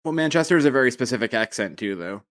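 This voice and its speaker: A man co-hosting a podcast, giving quick, blunt opinions in casual chat. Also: mid-range voice, expressive, a bit bright. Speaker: podcast co-host.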